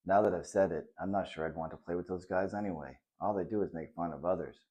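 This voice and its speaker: A man reading the part of a sad, honest ten-year-old boy in a children's story, speaking gently and hesitantly. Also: deep voice, fast, highs cut off, lightly acted.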